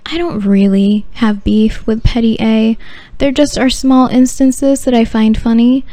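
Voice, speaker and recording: A woman's voice: fairly high pitch, fairly even intonation, measured pace, mellow, no echo. A woman hosting a podcast, telling scripted personal stories in a sultry, wry, arch delivery with no discernible regional accent. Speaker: podcast host.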